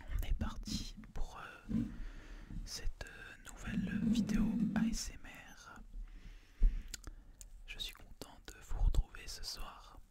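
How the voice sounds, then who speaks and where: In a cramped student apartment indoors, a young adult from France makes ASMR content. His breathy whispers are calm and unhurried, and he repeats phrases gently.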